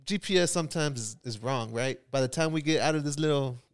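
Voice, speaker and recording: A man's voice: medium pitch, fast, smooth. Laid-back man hosting a podcast. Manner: laid-back, says "bro", laughs often. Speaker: podcast host. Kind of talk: casual chat.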